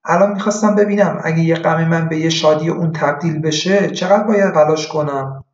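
A woman's voice: low-pitched, darkish tone, pitched above the performer's own voice, close to an everyday voice. A man doing an earnest young woman patient. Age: young adult. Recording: echoey room, dull lo-fi.

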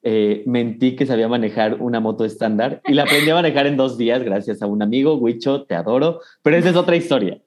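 A man talks casually as co-host of a podcast. His voice is mid-pitched. He speaks conversationally and keeps checking in with the listener. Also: quick pace, few pauses. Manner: conversational, frequent "¿sabes?" tags. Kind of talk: casual chat.

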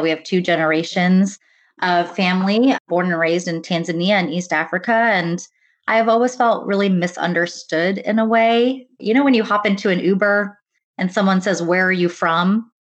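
A woman from the United States speaking in an interview about her work leading diversity and inclusion, earnest and measured, often saying "really" and "kind of.". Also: fairly low pitch. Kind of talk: conversational interview.

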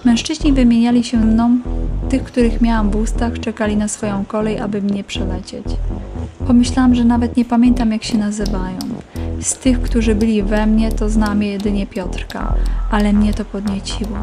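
A woman narrating a first-person story in an intimate, even reading manner. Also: mid-range voice, moderate pace. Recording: narration over background music. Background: music.

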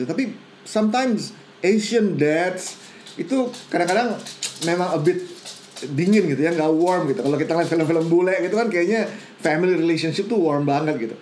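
A man's voice: a little high, a little mellow, slight background noise. A man preaching a sermon, telling stories casually and mixing in English phrases.

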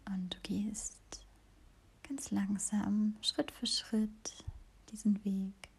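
A woman hosting a podcast, whispering a slow, soothing guided meditation. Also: mid-range voice, level tone, creaky, slightly rough.

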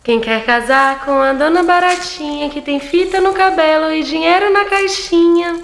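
A woman voicing an excitable little female cockroach in a children's story, with a dramatic, exclaiming delivery. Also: sits high, normal speed. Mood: eager, coquettish. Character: animated little female cockroach seeking a husband, easily startled. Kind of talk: children's audio story acting. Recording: echoey, long reverb, music behind.

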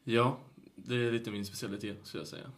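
Guy with a blekinge accent, average pitch, casual jokey podcast banter. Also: steady tone. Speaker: podcast co-host. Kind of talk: casual joking chat.

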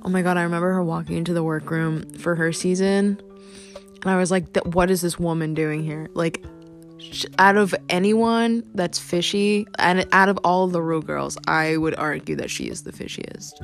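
A woman's voice: on the low side, steady tone, moderate pace, creaky, soft background music. A young woman hosting a casual solo podcast, rambling with lots of fillers and casual swearing. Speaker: podcast host.

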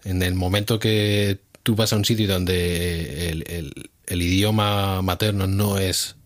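Spanish guy with a very low voice, talks things through slowly, lots of ums. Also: fairly even intonation. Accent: Spanish from Spain. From Spain. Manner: explains at length, hesitant, many fillers. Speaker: co-host. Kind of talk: casual chat.

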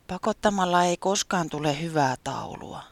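A storyteller voicing a gloomy, self-doubting sheep painter in a children's storybook, soft and half-whispered. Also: medium pitch, sing-song, gravelly, no echo, voice pushed up. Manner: mumbling and downcast. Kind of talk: storybook character voice.

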